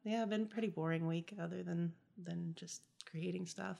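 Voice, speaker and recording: Gravelly-voiced lady in her 30s, kinda low, chatty podcast talk with lots of um and like. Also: fairly even intonation, normal speed, mellow. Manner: chatty, laughs often, lots of fillers. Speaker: podcast co-host. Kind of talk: casual chat.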